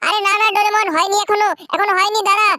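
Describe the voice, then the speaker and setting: A man's voice: level tone, sharp tone, no room sound, exaggerated voice. A man voicing a cheeky, bossy cartoon boy in a game video. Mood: hurried. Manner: fast, high, hurried.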